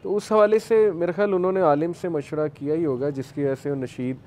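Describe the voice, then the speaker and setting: A man's voice: fairly high pitch, steady tone, mellow, a little hiss or hum. A man from a youth club, explaining his group's view earnestly in a studio discussion. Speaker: youth club member, guest.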